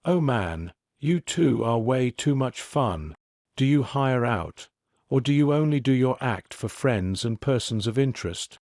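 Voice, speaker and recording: A man's voice: mid-range voice, lively intonation, unhurried, darkish tone, dry recording, clean studio sound. Man reading as a teasing young woman.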